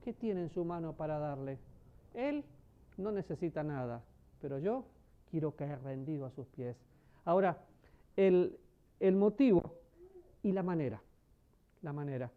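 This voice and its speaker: A man preaching a sermon, asking the congregation questions and swinging between loud emphasis and soft, low passages. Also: expressive, measured pace, pauses often. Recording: dull lo-fi sermon recording.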